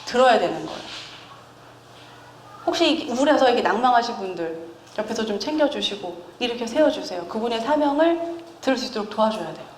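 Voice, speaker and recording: A woman in her thirties preaches in a chatty, animated way, laughing often and teasing her listeners. Her voice sits fairly high. It rings through an echoey church hall, with a faint hum of ambience behind her. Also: fairly quick. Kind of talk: conversational sermon. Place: church sanctuary.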